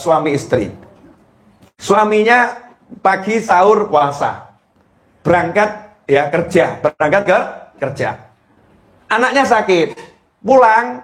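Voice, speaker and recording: A male preacher giving a lively sermon into a handheld mic, swinging from high exclamations to low drops. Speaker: Islamic preacher.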